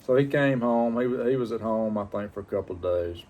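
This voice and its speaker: Low-voiced man, reflective storytelling. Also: a little mellow, a little hiss or hum. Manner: plain-spoken, halting, reflective. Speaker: pipe-smoking vlogger. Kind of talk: casual personal storytelling to camera.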